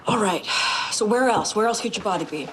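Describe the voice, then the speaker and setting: An actress playing a private investigator who talks in a brisk, teasing, quick-witted way. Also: female voice, mid-range voice, animated, natural voice. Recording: TV drama audio with music score and background noise.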